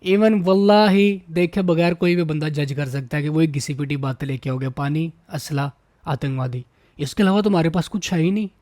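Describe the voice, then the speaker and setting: A man's voice: a little high, steady tone, normal speed, darkish tone, no room sound. A man hosting a roast video, mocking and insulting in a ranting tone. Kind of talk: roast commentary.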